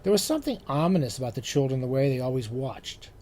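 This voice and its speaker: Animated man reading his own fiction. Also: medium pitch, fast talker, slight background noise.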